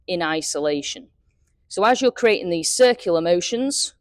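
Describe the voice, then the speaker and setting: A woman's voice: fairly low pitch, a little mellow, no room sound, clean studio sound. A woman, a golf fitness coach, talking through exercises step by step while demonstrating them, slightly out of breath.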